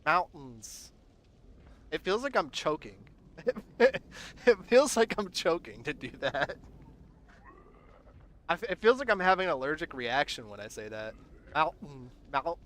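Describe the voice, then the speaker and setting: A man's voice: a little high, sing-song, normal speed, fairly bright tone, slight background noise. A young man from Southern Virginia with a loose mix of American accents, chatting casually on a gaming livestream and answering his chat. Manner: rambling, answers chat, trails off. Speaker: gaming streamer. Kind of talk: casual live-stream chat.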